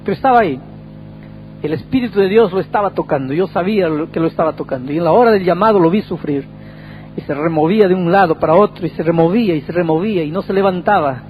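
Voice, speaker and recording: A man's voice: high-pitched, quick pace, darkish tone, a little hiss or hum, rough recording. A man, a pastor, preaching a sermon and telling a story with acted-out dialogue.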